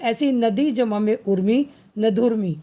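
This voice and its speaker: A woman's voice: on the high side, a little slow, dark tone. A woman teaching a grammar lesson, patiently working through examples and repeating each answer as a question.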